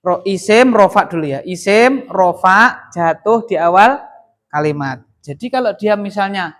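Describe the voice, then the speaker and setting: A man's voice: high voice, lively intonation, a little slow, fairly bright tone. A man teaching grammar in a classroom, quizzing students in call-and-response.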